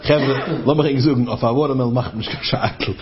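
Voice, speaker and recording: Animated male storyteller, muffled recording. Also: medium pitch, brisk, very noisy. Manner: lively, acts out quoted voices.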